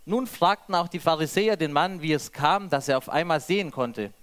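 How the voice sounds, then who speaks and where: A man's voice: on the high side, lively intonation, fairly quick, a bit bright. A man reading scripture aloud and then preaching freely, with some restarts.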